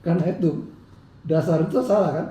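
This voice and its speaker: A man's voice: a little high, quick pace, dark tone, distant mic. A man with a speech impediment that slurs his r sounds, explaining a legal case emphatically as an interview guest, repeating his points. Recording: roomy echo, faint background noise.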